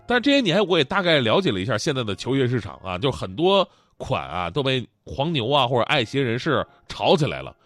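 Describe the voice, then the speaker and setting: A man's voice: medium pitch, a little fast, hardly any pauses, no room sound, soft background music. A man, hosting and telling funny stories lots of laughter. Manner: animated, joking, laughing often. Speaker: host. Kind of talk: comedic storytelling.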